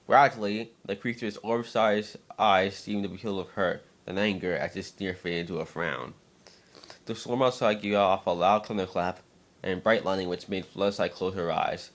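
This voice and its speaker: The narrator's voice is fairly low, moving at a normal speed through a fan-fiction story. His reading is dramatic and expressive, with occasional slips over words.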